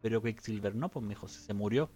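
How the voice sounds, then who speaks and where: A man's voice: lowish voice, a little fast, mellow, faint music behind. A man with a Chilean accent, a podcast co-host, chatting casually in a joking, teasing way. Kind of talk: casual chat.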